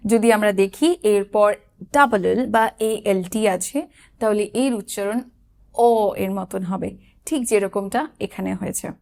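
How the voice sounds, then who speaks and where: A woman with a Bengali accent teaching English pronunciation, drilling words slowly and repeating each one. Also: a little high. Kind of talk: slow pronunciation lesson.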